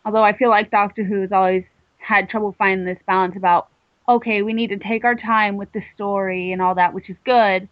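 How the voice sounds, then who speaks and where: A woman co-hosting a casual fan podcast, giving opinionated, animated asides. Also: mid-range voice, brisk, dry recording. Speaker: podcast co-host. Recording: dull, dry lo-fi sound.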